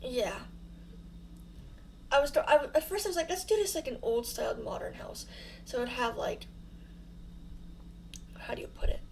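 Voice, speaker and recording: Speaking in a high, expressive voice at normal speed with frequent pauses, a young woman hosts her channel over a home build. She's rambling, giggly and self-deprecating, her mouth sore from new fillings, and the rough recording carries slight background noise.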